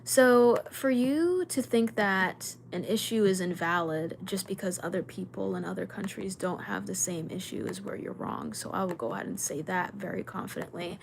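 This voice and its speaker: A young woman chats casually on her livestream, talking quickly and rambling with plenty of filler words. Her voice sits at a middling pitch, with a faint hiss in the background. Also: vocal fry. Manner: fast, rambling talk with many fillers. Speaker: livestream host. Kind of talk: casual livestream chat with viewers.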